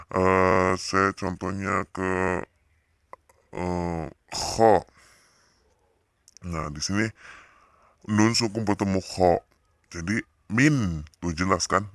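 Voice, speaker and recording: A young man giving a casual lesson on recitation rules, hesitant with many pauses, drawing out his example readings slowly. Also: low voice, fairly bright tone, dry recording, studio quality. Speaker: Quran recitation teacher.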